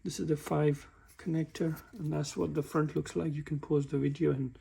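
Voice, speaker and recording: A man walking through a car repair in a halting, casual way, often stumbling and restarting his sentences. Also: on the high side, flat delivery, gravelly, dark tone, a little hiss or hum. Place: workshop with a work table.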